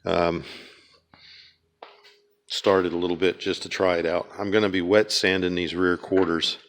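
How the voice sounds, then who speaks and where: A man with a Pennsylvania accent talks through his garage restoration work in a very deep, low register. His delivery is flat and even, loose and rambling, with frequent ums and uhs as he walks a handheld camera around the car. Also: a little slow. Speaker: DIY car restoration vlogger. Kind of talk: casual walk-around narration.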